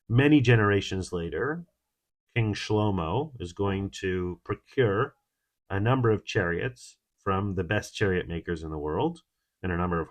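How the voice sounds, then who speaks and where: A man with a low voice offers a thoughtful Torah commentary on his own. He moves steadily through the ideas, dropping Hebrew and Kabbalistic terms with ease, and lifts his voice abruptly for emphasis now and then. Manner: reflective, with sudden emphatic rises. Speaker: Torah teacher.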